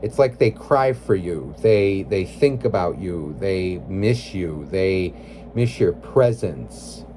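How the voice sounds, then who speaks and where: A man's voice: low-pitched, expressive, slow, dark tone, slight background noise. Rambling man reading tarot cards. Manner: rambling, heavy use of "like" and "you know"; emotionally invested, blunt. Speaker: tarot reader.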